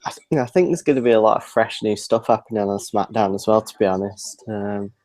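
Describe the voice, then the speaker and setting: Man, a touch low, laughs a lot, ribs his co-host, loose live-stream chat. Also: a little fast, a little mellow. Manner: laughs often, teasing. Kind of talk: casual chat.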